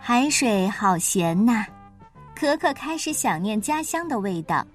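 一位女士在给孩子们朗读绘本故事，语气温柔，抑扬顿挫，富有感情。. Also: female voice, fairly high pitch, soft background music. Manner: slow, gentle and expressive storytelling. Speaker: storyteller. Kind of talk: children's picture-book reading.

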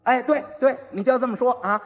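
A clever, fed-up young bride, as a male storyteller puts her on. She scolds and patiently coaches, set a little higher than the teller's already high voice. The old recording is dull and reverberant. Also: brisk. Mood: exasperated instructing.

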